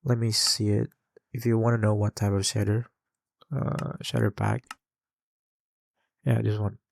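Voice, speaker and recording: With a fairly low pitch and vocal fry, this young Indonesian-accented man speaks a little slowly and flatly as he hosts a gaming channel. He rambles loosely through gameplay with plenty of fillers and restarts, captured in a clean studio without echo.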